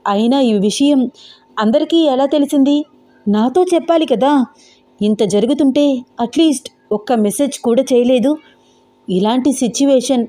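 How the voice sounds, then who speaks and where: Give me a woman playing a worried young husband in an audio story, fretful and a bit high. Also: mellow, natural voice. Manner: fretful, questioning himself.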